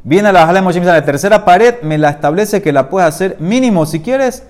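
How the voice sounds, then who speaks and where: A man's voice: sits high, animated, a little fast, darkish tone. A man teaching a Talmud class. He explains each step, asks and answers his own questions, and lifts his voice sharply to stress key points. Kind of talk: lecture-style Talmud class.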